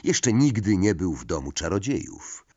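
A man reads a storybook aloud in a low, animated voice. His reading is expressive and swings widely in pitch. The sound is dry and close to the mic. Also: normal speed, husky, no room sound, muffled recording. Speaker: audiobook narrator.

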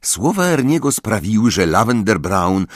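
Deep guy reading a fantasy audiobook, lots of melody, dry close sound. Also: normal speed, no echo. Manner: expressive storytelling, voicing every character. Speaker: audiobook narrator. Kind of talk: scripted audiobook narration.

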